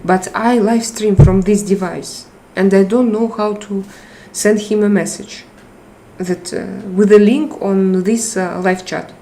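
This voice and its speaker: On a live stream picked up by a tablet microphone, a middle-aged woman with a Russian accent chats casually, often halting and starting over as she hunts for words. Her mid-range voice is warm and steady in tone.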